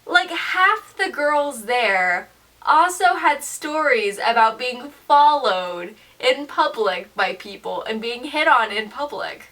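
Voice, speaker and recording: Telling a story in slangy, casual vlog style, this seventeen-year-old has a high, bright voice and leans on animated emphasis and mimicked asides. She's far from the microphone, and the recording is rough.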